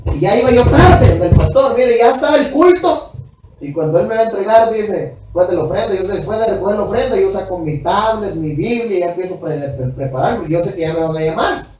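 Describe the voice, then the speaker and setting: A man's voice: high voice, animated, brisk, a little hiss or hum. A male pastor preaches a sermon. He speaks emphatically and repeats himself, addresses the congregation directly and tells personal stories. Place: church hall. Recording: echoey church recording from far off.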